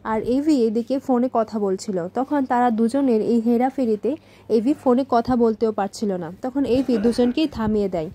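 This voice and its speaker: A woman's voice: fairly high pitch, normal speed, mellow. A woman reading a scripted recap of a television serial episode, voicing the characters' lines in her narrating voice.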